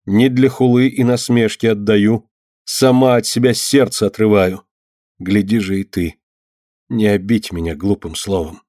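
A man voicing a grieving devout woman who speaks quietly and firmly. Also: mid-range voice, fairly even intonation, moderate pace, no echo, studio quality, natural voice. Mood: stern.

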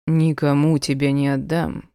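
A tender, teasing male werewolf played by a woman reading an audiobook murmurs softly and unhurriedly. The voice sits low and mellow, and it is recorded dry and close with no room sound. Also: flat delivery, clean tone, no room sound. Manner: soft, slow and hushed. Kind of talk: audiobook character voice.

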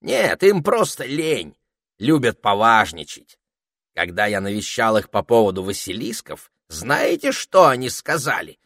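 A man's voice: mid-range voice, huge pitch swings, unhurried, vocal fry, fairly bright tone, dry recording, clean studio sound, voice pushed up, heavily acted. A man voicing a bossy, fussy talking male parrot in an audiobook, with theatrical, indignant outbursts. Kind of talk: audiobook character voice.

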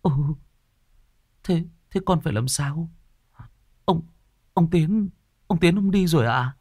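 A man's voice: a little high, animated, takes it slowly, a little mellow, dry recording, clean studio sound, pitched above the performer's own voice. A man voicing a bewildered young village man asking hesitant, confused questions.

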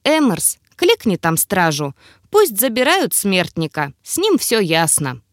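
A woman's voice: medium pitch, wildly swooping pitch, a little slow, dry recording, studio quality. A woman voicing a sarcastic male elf curator who drawls and mocks theatrically in an audiobook.

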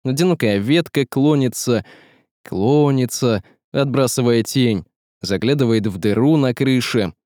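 A man narrating a fantasy story in measured, dramatic storytelling. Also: mid-range voice, dark tone, no echo, clean studio sound. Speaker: audiobook narrator. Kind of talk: scripted narration.

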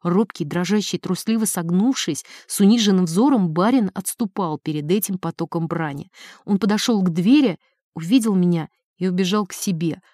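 A woman narrating a classic novel in a measured, dramatic way. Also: fairly low pitch, mellow, no echo, clean studio sound. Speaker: audiobook narrator.

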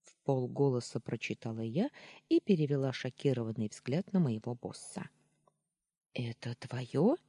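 A narrator reading a first-person romance novel aloud, with expressive, animated delivery. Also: male voice, mid-range voice, moderate pace, no room sound, studio quality. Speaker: audiobook narrator.

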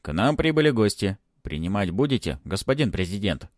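A man's voice: fairly low pitch, very animated, brisk, no echo, clean studio sound. A man voicing a formal male secretary reporting to his boss.

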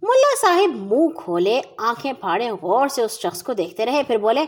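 Expressive woman reading a children's story. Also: a little high. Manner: expressive, voices every character.

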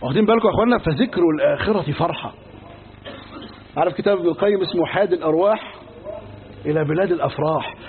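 Fast-talking Egyptian preacher, tinny recording. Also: male voice, a little high. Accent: Egyptian Arabic. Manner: lively storyteller, acts out dialogues in everyday speech. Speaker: Islamic preacher teaching a lesson. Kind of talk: religious lesson. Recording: tinny lo-fi recording with faint hiss.

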